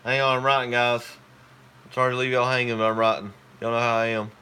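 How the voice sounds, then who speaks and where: A man's voice: medium pitch, level tone, quick pace, bright, forceful tone, smooth. A man, hosting a casual live stream and chatting with viewers in a rambling, talkative way.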